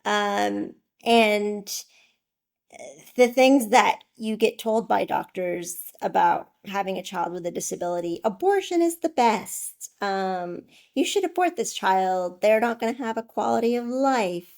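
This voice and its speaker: A woman's voice: mid-range voice, expressive, a little slow, creaky, a little mellow. A woman in her twenties from Iraq, a podcast guest telling her story thoughtfully and candidly. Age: 20s. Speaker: guest, author. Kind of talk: interview.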